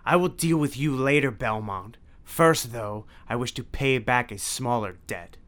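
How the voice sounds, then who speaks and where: A man's voice: mid-range voice, unhurried, a bit bright, lightly acted. A man voicing a menacing, theatrical male vampire count who sneers and mocks. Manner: sneering, mocking, grandiose.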